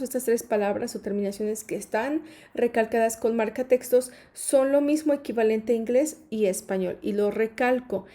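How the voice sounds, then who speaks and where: A woman's voice: fairly high pitch, dark tone. A woman teacher explaining English grammar patiently, checking in with her students often. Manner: patient, repeats points with "¿sí?" and "¿ok?".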